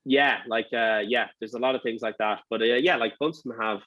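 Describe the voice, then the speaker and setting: A man's voice: mid-range voice, fairly even intonation, fairly quick, a bit bright, dry recording. A man with a Dublin accent giving casual interview answers, rambling as he thinks aloud. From Dublin, Ireland. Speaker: interview guest, restaurant owner.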